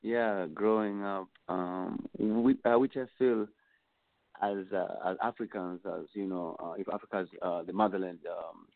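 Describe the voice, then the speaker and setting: Over a dry, tinny phone line, a musician guest from Tanzania answers interview questions in an unhurried, fairly even way. His deep voice is gravelly, and his replies wander reflectively, full of filler phrases.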